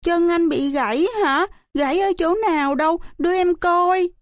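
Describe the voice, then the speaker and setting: A woman reading an audiobook, voicing a timid little girl who pleads in a high, whiny voice. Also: moderate pace, dry recording, clean studio sound. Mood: worried.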